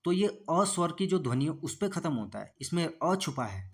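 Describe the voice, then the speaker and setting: A man's voice: on the high side, sing-song, husky. A man teaching a grammar lesson for exam prep, repeating himself often and sounding out letters one by one as he explains. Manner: repetitive, calls listeners "friends" constantly, sounds out letters slowly.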